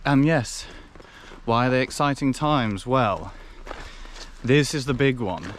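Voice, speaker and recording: Slow, wry young man vlogging outdoors. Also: medium pitch, lively intonation, slight background noise. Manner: wry, self-mocking and chatty, rambling with restarts. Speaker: hiking vlogger. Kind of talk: casual vlog to camera. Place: outdoors on a wooded fellside. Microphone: handheld action camera.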